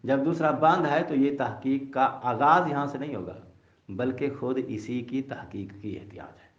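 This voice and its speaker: A man teaching a seminary logic class, asking questions and letting students finish his sentences. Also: medium pitch. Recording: echoey dull lo-fi classroom audio.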